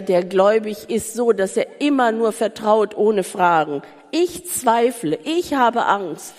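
A woman preaching a sermon, full of rhetorical questions and swinging between urgent pleading and soft calm. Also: mid-range voice. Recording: reverberant hall.

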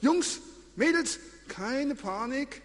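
A relaxed, friendly sea captain, voiced by a man telling a children's story, calms his frightened crew. His voice sits high and moves with lively swings. Long echo hangs behind him, as in a large hall. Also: takes it slowly, faint music behind, heavily acted. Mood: reassuring. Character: calm reassuring male ship captain.

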